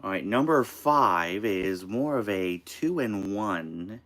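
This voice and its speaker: An American man from Maine hosting a casual live stream of tips from inside an RV, halting and restarting his phrases. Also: lowish voice, lively intonation, a bit bright. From Maine, United States. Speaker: host of a live show.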